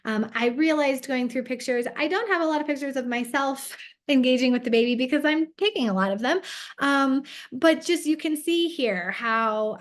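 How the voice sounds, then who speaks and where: Chatty woman giving a parenting talk. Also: fairly high pitch. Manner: warm, conversational, many "um" fillers. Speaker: parenting workshop presenter. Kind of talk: parent workshop presentation.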